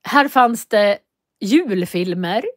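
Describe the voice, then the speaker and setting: Clearly articulating woman teaching Swedish. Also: medium pitch, lively intonation. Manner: slow, clearly articulated, repeats phrases for learners to copy; walks viewers through web links on screen. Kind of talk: live online language lesson.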